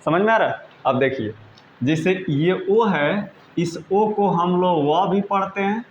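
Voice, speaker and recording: A man with a fairly high voice teaches patiently, repeating points and checking that his students understand. He spells words out slowly, one letter at a time. The room sounds echoey, with a faint hiss over a slightly dull recording. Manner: patient, repetitive, asks "understood?" often. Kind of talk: classroom-style lesson in Hindi.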